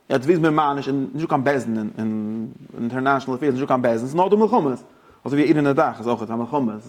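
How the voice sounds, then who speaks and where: A man giving an informal religious lecture, halting and searching for words as he explains, and dropping in English terms. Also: mid-range voice.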